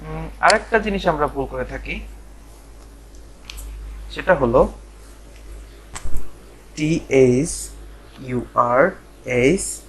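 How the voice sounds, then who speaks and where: A man from Bangladesh teaching a live online pronunciation class, repeating words and spelling them out letter by letter, with drawn-out fillers. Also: a little high, expressive, a bit bright, a little hiss or hum, poor audio. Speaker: English teacher.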